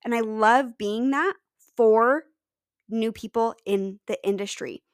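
A woman's voice: fairly high pitch, slow. A young woman hosting her own podcast, talking in a casual, chatty and upbeat way straight to her listeners. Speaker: podcast host. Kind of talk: casual solo podcast talk.

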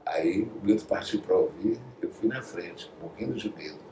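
With a low voice at a normal speed, a Brazilian man appearing as a guest tells lively studio stories in a casual interview. He performs the quotes and lowers his voice to whispers at times. The recording has an echoey room sound, a far-off mic, and slight noise.

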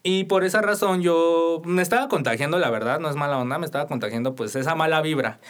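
A young man with a Mexican Spanish accent co-hosts a casual radio podcast, rambling through a story packed with fillers. His voice is a little high and his pace quick.

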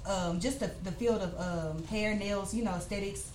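A young woman in a casual group chat, talking in an animated way with lots of likes and fillers. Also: medium pitch, moderate pace. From Tennessee, US. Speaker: interviewer and guest. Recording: roomy, distant, noisy ambience.

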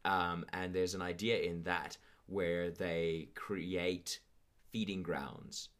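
Chill dude with a low voice throwing slang around on a podcast. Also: male voice, fairly even intonation, takes it slowly, a bit bright. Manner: laid-back slang, says "dude". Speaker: podcast co-host. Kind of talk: casual brainstorming chat.

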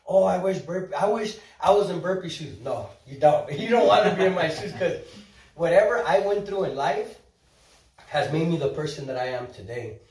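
A man in his thirties, a social media influencer, chats casually as a podcast guest at a moderate pace in a high-pitched voice. He's upbeat and animated, acting out quoted voices and dropping in Spanish words, picked up by a distant mic in a roomy space.

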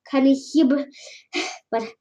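A high, pleading young man on the run, as a woman puts him on, stumbling over his words in a breathless rush. He begs and bargains in a storybook reading with a bright, lifted voice. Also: fairly even intonation, takes it slowly. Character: frightened young male stranger, pleading.

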